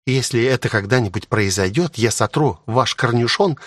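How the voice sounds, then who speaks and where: Brief: male reader doing ancient scornful maid-guardian, sharp tongue, lifted pitch, dry booth sound. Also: normal speed, no echo, natural voice. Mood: bitter, scornful. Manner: haughty, bitter and sharp-tongued. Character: ancient spiteful woman guardian serving as maid. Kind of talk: audiobook reading.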